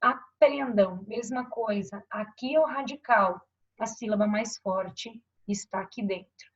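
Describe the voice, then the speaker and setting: A woman's voice: mid-range voice, unhurried, breathy edge. A woman teacher explaining verb grammar and pointing to examples on a board, often checking in with her students. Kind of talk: grammar lesson. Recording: dull lo-fi recording.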